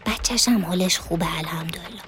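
A woman's voice: on the low side, fairly bright tone, a little hiss or hum, lightly acted. Woman playing a pious old grandmother. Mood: soothing. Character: older traditional grandmother, pious and soothing.

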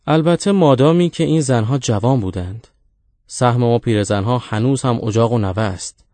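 Play a crude ancient witch woman from a storybook, shrill and screeching, sneering at everyone, as a man reading it. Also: dark tone, dry recording, close to an everyday voice. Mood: scornful.

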